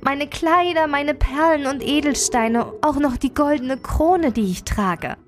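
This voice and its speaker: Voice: sits high, measured pace, pitched above the performer's own voice. A woman voicing a spoiled young princess in a fairy tale she reads aloud. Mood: whiny.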